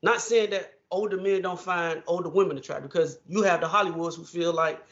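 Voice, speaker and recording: A man co-hosting a podcast, speaking in a measured way, agreeing with the others and searching for the right words. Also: high voice, fairly even intonation, a bit bright. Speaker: podcast co-host. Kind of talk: casual podcast discussion. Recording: lo-fi muffled audio.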